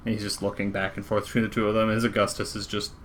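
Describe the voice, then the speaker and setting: Relaxed man running a tabletop game. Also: lowish voice, racing, a little hiss or hum. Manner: relaxed, playful narration. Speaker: game master.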